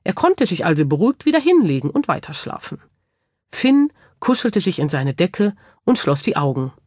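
A woman narrating a children's audiobook with lively, expressive storytelling. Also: fairly low pitch, normal speed, slightly rough, no echo, clean studio sound.

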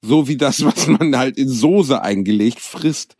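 A man's voice: medium pitch, measured pace, darkish tone, no room sound, studio quality. A man co-hosting a casual comedy podcast, telling stories and mimicking mispronunciations with plenty of animation. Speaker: podcast co-host.

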